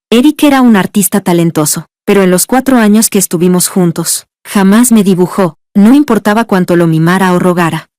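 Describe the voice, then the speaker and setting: Mellow-voiced woman narrating a story. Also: medium pitch, dry recording, studio quality. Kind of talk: scripted first-person story narration.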